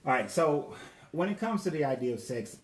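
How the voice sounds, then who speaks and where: Brisk and sing-song, his voice sits on the high side as he co-hosts a casual live chat alongside his wife. He's in his forties, talks in a relaxed, slangy way and calls out viewers by name, all in an echoey space with a little background noise.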